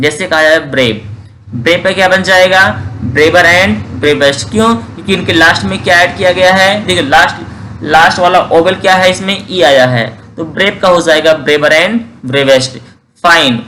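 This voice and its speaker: Male teacher, lesson delivery, high and bright tone, slow drilled examples. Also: a little hiss or hum. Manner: drills word forms slowly, asks and answers own questions. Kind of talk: grammar lesson.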